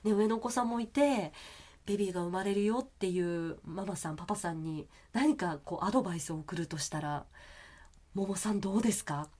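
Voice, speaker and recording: A woman hosts a casual roundtable talk at a brisk clip. She keeps the conversation moving with frequent soft nods of agreement. Her voice sits at an ordinary middle pitch. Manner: attentive, frequent soft backchannels. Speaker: host.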